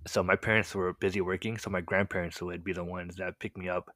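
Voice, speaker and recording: A young American man whose first language was Korean tells his childhood story as a podcast guest in a casual, relaxed, rambling way, full of "like" and "um". His voice is low and fairly quick, captured in clean studio sound without echo.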